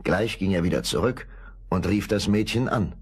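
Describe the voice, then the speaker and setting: A man narrating a fairy tale in an expressive storytelling style. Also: low voice, normal speed, husky.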